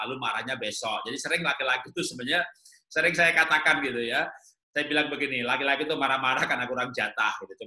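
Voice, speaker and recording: Bright, animated guy giving marriage advice, voice jumps way up, echoey room. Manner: animated, climbs high in pitch when making a point. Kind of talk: answering questions on a talk show.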